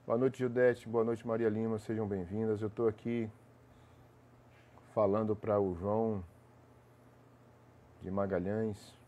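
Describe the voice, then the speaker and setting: A man's voice: on the low side, flat delivery, measured pace, pauses often, mellow. Congested man hosting a live stream. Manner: rambling, with restarts and frequent "né?". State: congested from a cold. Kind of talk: casual live chat, greeting viewers.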